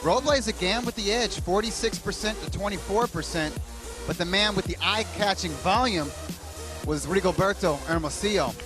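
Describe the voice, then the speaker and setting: A man's voice: high-pitched, normal speed, over music. A man giving live sports analysis as a boxing commentator.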